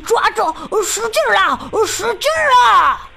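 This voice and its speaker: A woman voicing a loud, bossy chick in a storybook, shrill and scolding. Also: very animated, moderate pace, creaky, noisy background.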